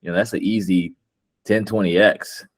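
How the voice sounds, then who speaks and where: A man's voice: deep voice, fairly even intonation, moderate pace. A man chatting casually about crypto investing in a slangy, confident, boastful bro manner. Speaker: crypto investor and video maker.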